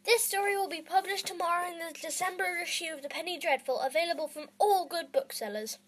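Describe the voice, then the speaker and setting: A woman's voice: extremely high pitch, fairly quick, voice pushed up. A woman voicing a fawning, nervous male theatre manager in a storybook reading, speaking in a gushing, flowery way. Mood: eager.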